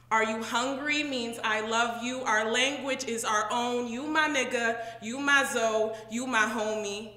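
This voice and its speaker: A woman in her thirties performing spoken word poetry in a proud, punchy, animated way. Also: a little high. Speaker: poet. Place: community room, indoors. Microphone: stand mic. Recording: echoey room with long reverb.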